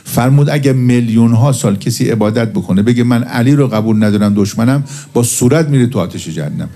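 A man's voice: medium pitch, dark tone. A man preaching a religious sermon and telling jokes with a storyteller's timing. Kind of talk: religious sermon with humorous anecdotes.

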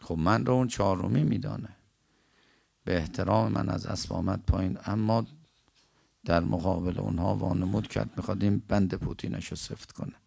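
A man preaching, telling religious stories vividly and breaking into slow chanted verse. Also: low-pitched, creaky, darkish tone, slightly rough, dry recording, clean studio sound. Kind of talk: religious storytelling sermon.

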